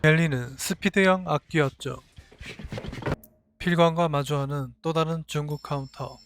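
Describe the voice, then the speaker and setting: Slightly high-voiced man narrating a drama recap. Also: fairly even intonation, moderate pace. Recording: voice-over with faint music behind.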